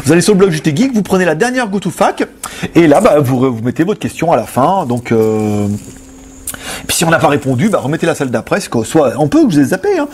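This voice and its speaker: A man's voice: fairly high pitch, sing-song, quick pace, darkish tone, slightly rough. A young adult man hosting a loose, joking chat where he answers viewer questions. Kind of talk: casual chat.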